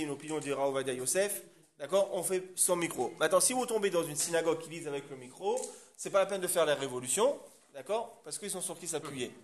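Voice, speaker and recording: A man teaching a religious class, explaining step by step and often checking that the class follows. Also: fairly high pitch. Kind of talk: Torah class lecture.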